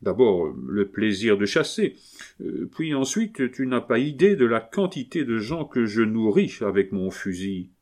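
A man reading aloud voices a kindly, gruff captain in his late fifties, an old hunter who talks to his son in an earnest, fatherly way. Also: fairly low pitch, sing-song, a little slow, darkish tone. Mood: explaining. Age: 50s.

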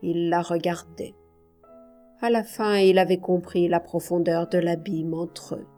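A woman narrates a literary novel in a measured, even manner. Her pace is slow and unhurried. Faint background music runs under the reading. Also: lowish voice. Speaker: audiobook narrator.

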